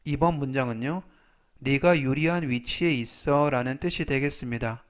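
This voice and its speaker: A man teaching English vocabulary in a slow, polite, formal manner, repeating each word three times for learners. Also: mid-range voice, clean tone. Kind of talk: slow, repetitive vocabulary lesson.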